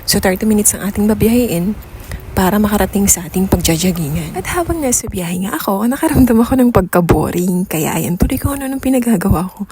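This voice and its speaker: A woman's voice: medium pitch, animated, fairly quick, noisy background. A woman with a Filipino accent narrating a casual vlog in a chatty, playful, self-teasing way. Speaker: vlogger.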